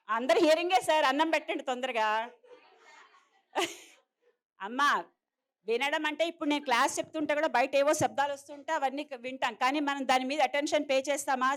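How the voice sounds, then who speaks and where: A woman's voice: high-pitched, fairly bright tone. A middle-aged woman giving a seminar lecture to parents. She explains step by step, mixes in English terms and asks the audience rhetorical questions. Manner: mixes many English terms into her talk. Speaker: trainer of parents of hearing-impaired children.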